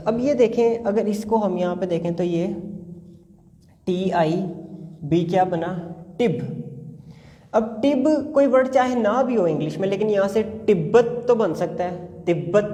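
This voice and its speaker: A man teaching English spelling sounds in a phonics lesson, slowly drawing out each word. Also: high voice, warm tone, long reverb tail. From Punjab, Pakistan. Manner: slow drawn-out sounding of words.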